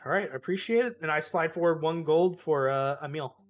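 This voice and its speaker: Higher-voiced man role-playing over soft music. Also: brisk. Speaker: tabletop game player. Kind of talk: casual improvised role-play.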